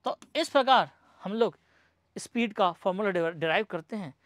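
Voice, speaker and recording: A male teacher with a voice that sits high and a bit bright lectures at normal speed with lively intonation, asking questions and answering them himself and mixing English terms into his explanation. He repeats points as question and answer and calls students "bhai sahab." The recording is dry with clean studio sound.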